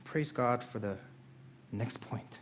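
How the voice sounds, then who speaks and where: A man who grew up in Korea, preaching a sermon in an earnest way, moving between quiet reflection and emphatic questions. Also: mid-range voice, slow pace, slight background noise. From South Korea. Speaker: pastor.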